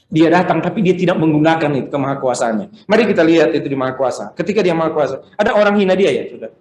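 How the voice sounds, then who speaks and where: A man's voice: mid-range voice, a little mellow. Preaching man in an echoey room. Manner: conversational preaching, asks the congregation questions. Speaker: pastor. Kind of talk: sermon. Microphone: video call.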